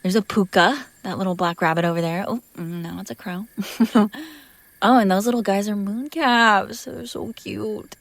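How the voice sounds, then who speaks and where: In a roleplay audio drama, a woman voices a young vampire who is affectionate, teasing and protective, talking in a halting, casual, intimate manner that slips into breathy whispers. Her mid-range, natural voice keeps a fairly even intonation on a dry recording, and she sounds amused and playful.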